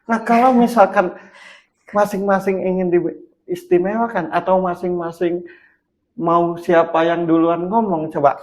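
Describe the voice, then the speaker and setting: A man hosting a casual talk about marriage, thinking aloud and acting out examples, his voice swinging from loud to hushed. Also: high-pitched, steady tone, unhurried. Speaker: host.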